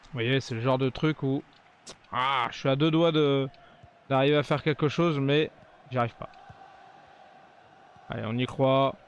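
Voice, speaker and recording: A man's voice: mid-range voice, fairly even intonation, unhurried, long pauses, muffled recording, slight background noise. Sarcastic man commentating his gameplay. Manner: sarcastic grumbling asides. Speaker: gaming video creator.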